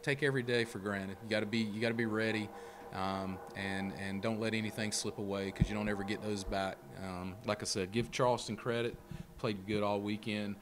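A middle-aged man speaks into a handheld mic at a postgame press conference. His voice sits low and stays level, with little rise or fall. He talks plainly and steadily with frequent fillers, over a faint room hum. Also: fairly even intonation, a little fast. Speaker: head baseball coach. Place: press room before a sponsor backdrop. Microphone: handheld mic held close.

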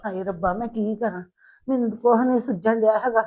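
A woman's voice: on the high side, fast talker, lightly acted. A woman playing a middle-aged Punjabi aunty, an aggrieved, plaintive mother-in-law in an amateur family drama. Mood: despairing lament. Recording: dull lo-fi sound with background music.

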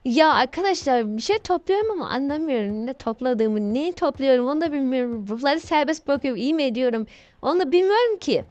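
A young woman playing a horror game while commentating, with excitable, easily startled exclamations. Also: high-pitched, fairly quick, no room sound. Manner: jumpy, shrieking exclamations when scared. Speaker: gamer.

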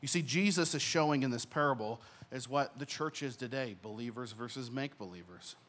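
A man's voice: mid-range voice, fairly quick. Young man preaching earnestly into a handheld mic. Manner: earnest preaching, swells louder on key points, drops soft at ends. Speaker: pastor. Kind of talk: sermon. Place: church stage.

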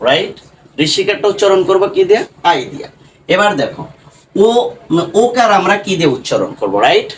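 A man with a somewhat high voice teaches an English reading lesson, posing questions and answering them himself, often tacking on "right?" as he speaks to viewers like his students. The recording is rough and distant, with a little hiss or hum.

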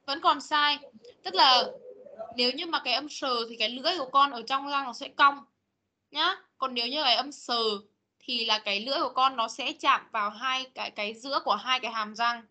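A woman teaching English online, modeling words slowly and correcting students patiently. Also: high-pitched, pushed and bright. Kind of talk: online class pronunciation drill. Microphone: computer mic on video call.

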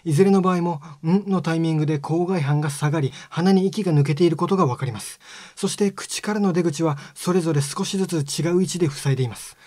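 A man giving a scripted lesson on speech sounds, explaining step by step in a calm, polite way. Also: on the high side, fast talker, no echo. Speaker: phonetics teacher.

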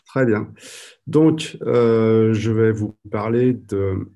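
A guide dog trainer presents at an online conference over a video call, sounding hesitant and using many "euh" fillers. His voice is fairly low and mellow, with a steady tone and drawn-out words, and the high frequencies are cut off.

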